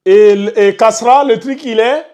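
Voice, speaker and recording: A man teaches a recitation class in a high voice for a man. He keeps pressing his point and goes over each step again and again. He scolds the students who lose track. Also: measured pace, a little mellow, muffled recording. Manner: insistent, repeats explanations step by step, scolds students. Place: classroom with a board.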